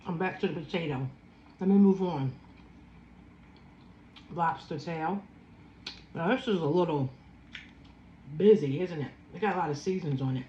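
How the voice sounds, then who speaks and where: A woman's voice: on the low side, mellow, reverberant, muffled recording, a little hiss or hum. A woman in her fifties with a Philadelphia accent, chatting casually while eating a seafood boil and savoring each bite. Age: 50s. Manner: slow, savoring, chatty with food sounds. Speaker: food vlogger.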